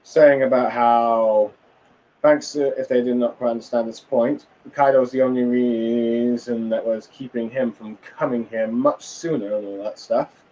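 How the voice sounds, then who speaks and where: A man's voice: mid-range voice, steady tone, a little slow, dark tone, dull audio, a little hiss or hum. A tired man casually recapping a comic chapter, rambling with many fillers and restarts. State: tired, yawning. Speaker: manga reviewer.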